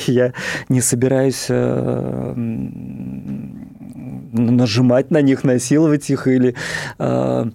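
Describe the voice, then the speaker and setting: A film director speaks as a guest in a radio studio, earnest and thoughtful, often pausing to search for words. His voice is mellow and dark. The studio sound is close and dry. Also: on the high side, vocal fry, no room sound. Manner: thoughtful, earnest, with many pauses and fillers. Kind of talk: interview talk.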